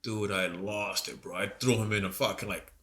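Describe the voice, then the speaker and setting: A man's voice: lowish voice, fairly even intonation, normal speed, a bit bright. A man with a cold, co-hosting a podcast and telling a rambling, profane story in casual chat. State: sick with a cold. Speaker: podcast co-host.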